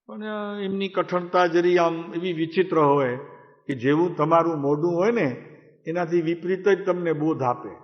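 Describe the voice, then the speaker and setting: A man delivering a spiritual discourse with a fairly high voice, talking to his listeners as in conversation and often putting questions to them. The sound carries a long hall echo and a dull, lo-fi tone. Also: moderate pace. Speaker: spiritual teacher. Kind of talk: devotional discourse to a live gathering.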